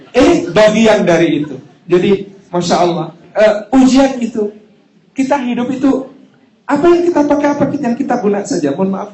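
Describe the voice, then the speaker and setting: A man preaching a sermon, telling personal stories with jokes and a lively delivery. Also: high voice. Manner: lively, joking, personal anecdotes. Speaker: Islamic preacher. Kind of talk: humorous sermon storytelling. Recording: echoey hall.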